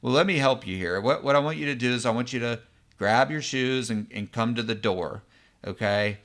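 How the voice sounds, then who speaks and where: A man's voice: mid-range voice, normal speed, fairly bright tone, close to an everyday voice. A man voicing a frustrated mother of a young boy who is late for school, scolding and then patiently coaching him. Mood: calm, patient.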